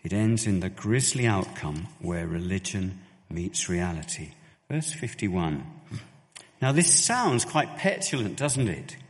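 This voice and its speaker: A man preaching a sermon, earnest and animated, his voice climbing sharply when he quotes scripture. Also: sits low, slow pace. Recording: long hall reverb.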